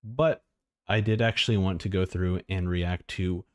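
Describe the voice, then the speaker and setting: A man with a low voice and fairly even intonation talks at a measured pace, chatting casually as a live streamer reacting to game trailers. His delivery rambles informally as he thinks aloud.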